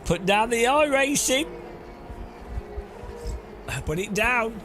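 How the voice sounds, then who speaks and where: A man streams a sim racing game, casually chatting and teasing viewers with rambling jokes while he drives. His voice is very high and expressive, his pace slow, and the background is noisy with loud electronic music.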